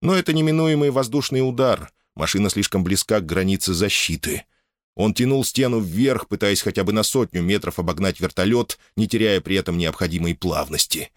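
Low-voiced, expressive male audiobook narrator. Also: fairly quick, no echo, studio quality. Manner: expressive, dramatic reading.

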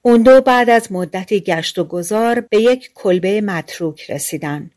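A woman narrating a fairy-tale audiobook in a calm, measured storytelling manner. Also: mid-range voice.

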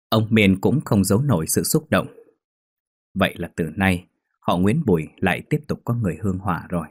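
Deep-voiced man telling a ghost story. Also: slightly rough. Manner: steady, measured reading. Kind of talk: scripted ghost story narration. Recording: faint music behind.

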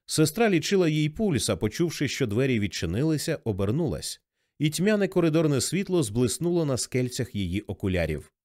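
A man narrating a novel as an audiobook, with expressive, varied delivery. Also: on the high side, a little fast, dry recording, studio quality. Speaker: audiobook reader.

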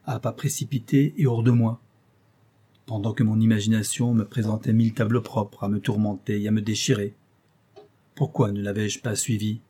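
A man narrating a first-person literary audiobook in a measured, solemn way. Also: on the low side, dark tone, breathy edge.

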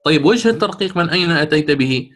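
A man teaching a lesson on Quran recitation rules, asking and answering his own questions and drawing out the recited words slowly. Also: a little high, lively intonation, fairly bright tone. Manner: stretches recited words drawn out.

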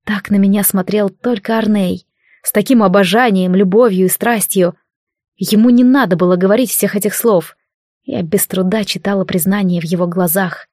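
Woman calmly narrating an audiobook. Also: medium pitch, normal speed, no echo, clean studio sound. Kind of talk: first-person audiobook narration.

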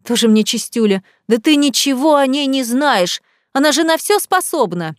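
A woman's voice: animated, normal speed, no room sound, studio quality. A woman voicing a spoiled young bride who lies, pleads and bursts out shrilly in an audiobook. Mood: shrill. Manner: shrill outbursts, lying, pleading.

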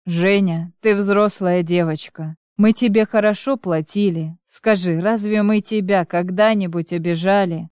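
A woman's voice: mid-range voice, fairly even intonation, unhurried, hardly any pauses, a little mellow, clean tone, no echo, clean studio sound, natural voice. A woman reading the part of a sarcastic, accusing male business partner in an audiobook. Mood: mocking. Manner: mocking, accusing.

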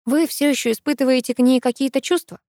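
A woman's voice: sits high, steady tone, quick pace, warm tone, dry recording, clean studio sound, pitched above the performer's own voice. A woman voicing a hurt young female student who presses with pointed questions, in an audiobook. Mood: pressing.

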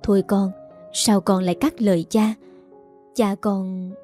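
A woman voicing a gentle, long-suffering mother who softly begs and soothes. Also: mid-range voice, steady tone, a little slow, soft background music, close to an everyday voice. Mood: tearful pleading. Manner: soft imploring.

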